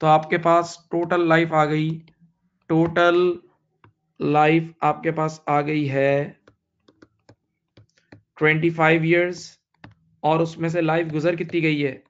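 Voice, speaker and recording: A man's voice: fairly high pitch, little pitch movement, takes it slowly, long pauses, smooth, highs cut off. A man in his thirties with an Indian English accent, teaching accounting in a recorded online lecture and repeating key points patiently to his students. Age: 30s. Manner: repeats key points, addresses students as beta, mixes English terms into Hindi.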